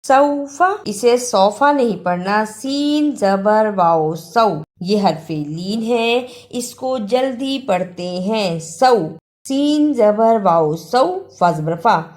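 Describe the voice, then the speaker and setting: Woman slowly reciting and teaching verses. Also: medium pitch, expressive, a little mellow. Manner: chants verses slowly, then explains rules quickly. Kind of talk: slow recitation lesson with spelled-out letter drills.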